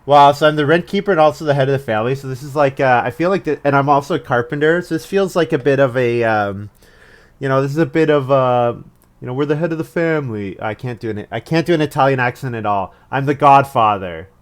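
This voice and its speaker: A man's voice: medium pitch, fast talker. A man thinking aloud as he plays a board game, casual and self-mocking. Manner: thinking aloud, self-mocking, chuckles at his own moves. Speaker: board game player narrating his turns. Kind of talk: casual play commentary.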